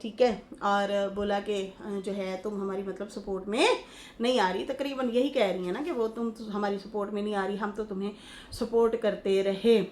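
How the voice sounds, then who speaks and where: A woman's voice: medium pitch, fairly even intonation, moderate pace, darkish tone, a little hiss or hum. A woman giving chatty, scolding reaction commentary as a YouTube host, breaking into mocking impressions.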